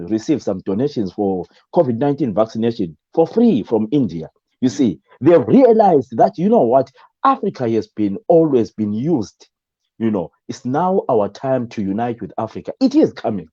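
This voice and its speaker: Zimbabwean man, dark hesitant voice. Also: mid-range voice, sing-song, normal speed, breathy edge, lo-fi sound. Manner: hesitant, many fillers and restarts. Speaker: guest, radio presenter. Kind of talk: interview conversation.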